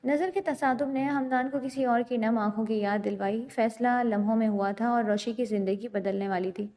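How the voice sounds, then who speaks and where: Mellow-voiced woman narrating a romance novel. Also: a little high. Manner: steady storytelling.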